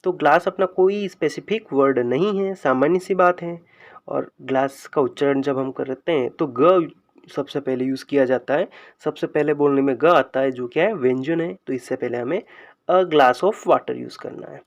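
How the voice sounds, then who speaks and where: A man teaching English grammar in speech, explaining slowly and drawing out example sentences word by word. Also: fairly high pitch. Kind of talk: explaining a lesson.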